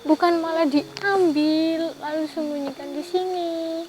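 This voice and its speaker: High-voiced woman pleading gently. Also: fairly even intonation, slow pace, background noise. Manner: gently pleading, repeats "Pak" often. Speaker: paranormal investigator. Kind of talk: vlog. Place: outdoors in a forest at night.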